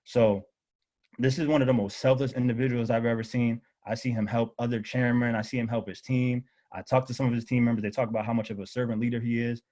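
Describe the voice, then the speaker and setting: Man, livestream guest, quick heartfelt praise, rapid pace, middle pitch. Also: steady tone, dark tone. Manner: quick, heartfelt, repeats words.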